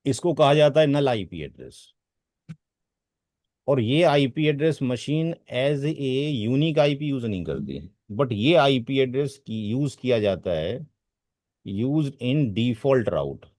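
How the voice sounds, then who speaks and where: A man's voice: mid-range voice, very animated, slow, darkish tone, dry recording. A man teaching a networking class in a lecture style, drifting off topic, repeating words for emphasis and asking his students rhetorical questions. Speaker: networking trainer.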